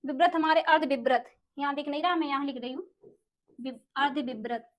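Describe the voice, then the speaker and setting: A young woman teaching an exam-prep Hindi lesson, asking questions and answering them herself, repeating key terms and sounding out vowels slowly. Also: high voice. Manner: addresses viewers as friends, asks and answers own questions.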